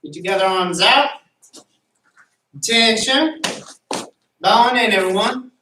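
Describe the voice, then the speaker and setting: Aerobics-style instructor counting out, bright and echoey. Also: medium pitch, measured pace, slight background noise. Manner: clipped commands and loud rhythmic counts to a group. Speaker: exercise instructor leading drills. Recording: echoey room, distant microphone.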